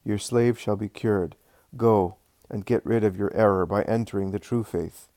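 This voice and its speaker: A man voicing Jesus, speaking in a measured, solemn way. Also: fairly low pitch, fairly even intonation, mellow, dry recording, studio quality, natural voice. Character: Jesus, calm solemn male teacher.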